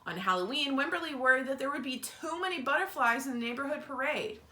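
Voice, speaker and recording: A woman with a high-sitting voice reads a picture book to children at a quick pace, expressive and explaining things casually as she goes. She's a teacher, captured in a roomy, echoey home recording.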